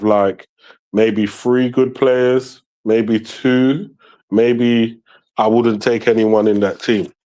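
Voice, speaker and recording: A man's voice: lowish voice, darkish tone, rough recording. A man casually commenting on a football match as he watches live, talking with many fillers and his mouth full of food. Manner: slow, hesitant, many fillers; talks while eating. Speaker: watchalong streamer.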